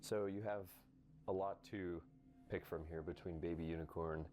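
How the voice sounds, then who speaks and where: A man on a ghost hunt explaining the trigger items in a relaxed, joking way. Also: deep voice, moderate pace, a little hiss or hum. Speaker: ghost hunter. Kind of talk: casual paranormal investigation vlog. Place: indoors in an old inn.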